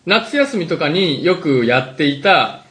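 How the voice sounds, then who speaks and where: A man's voice: fairly high pitch, big pitch swings, a little slow, bright, forceful tone. A man co-hosting a casual web radio show with a playful, cheeky manner. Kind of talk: casual chat. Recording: roomy echo with music.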